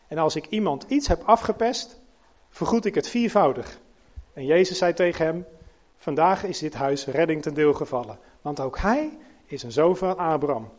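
A man with a high voice delivers a sermon in an emphatic way. He climbs to loud, ringing peaks and then sinks to soft, low passages. The recording sounds a little dull and muffled. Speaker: preacher.

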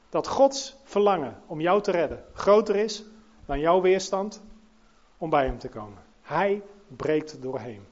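A man with a high voice delivers a sermon in an emphatic way. He climbs to loud, ringing peaks and then sinks to soft, low passages. The recording sounds a little dull and muffled. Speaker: preacher.

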